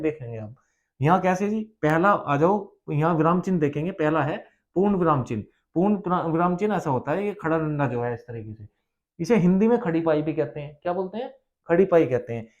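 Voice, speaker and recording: A man teaching a grammar lesson for exam preparation, explaining with rhetorical questions and repeating key terms. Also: sits high. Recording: dull lo-fi sound.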